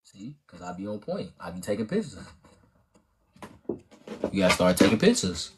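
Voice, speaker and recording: A man's voice: deep voice, big pitch swings, normal speed, slight background noise. A young man with a Midwestern accent, chatting casually and teasing on a livestream. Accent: Midwestern American. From Gary, Indiana. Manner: laid-back, teasing, slangy. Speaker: TikTok live co-host. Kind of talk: casual chat.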